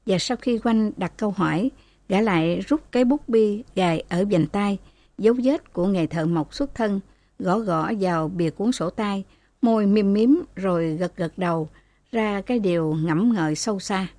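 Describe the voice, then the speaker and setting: A woman reading a novel aloud in steady, expressive narration. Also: mid-range voice, moderate pace, no room sound. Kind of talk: audiobook narration.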